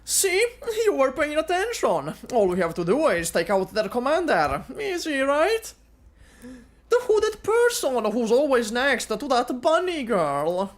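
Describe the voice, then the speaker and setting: A woman voicing a scheming female mercenary, in a high, sing-song, taunting way while reading a game story aloud. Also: full character voice.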